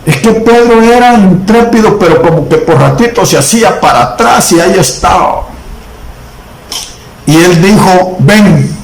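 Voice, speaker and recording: Slow, fervent preacher in an echoey room. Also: male voice, high-pitched, animated, a little hiss or hum. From El Salvador. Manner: slow, emphatic preaching with long pauses. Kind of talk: sermon. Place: church.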